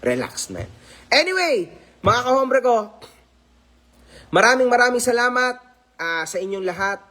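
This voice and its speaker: A man's voice: very high voice, very animated, a little slow, sharp tone. A man talking casually to his viewers as a vlogger, teasing and laughing often and mixing English phrases into his talk. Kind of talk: casual commentary vlog.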